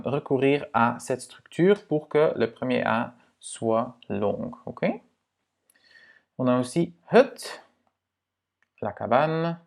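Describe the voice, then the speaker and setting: A man teaching Dutch pronunciation in a relaxed, casual way, explaining rules to the viewer with many fillers and checks like "ok?". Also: medium pitch, gravelly.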